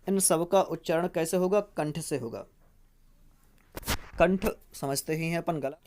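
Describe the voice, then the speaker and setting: A teacher giving an exam-prep grammar lecture. The teacher explains step by step, putting questions to the class and then answering them. Each rule is repeated slowly, again and again, so it can be memorized. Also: medium pitch, darkish tone, a little hiss or hum.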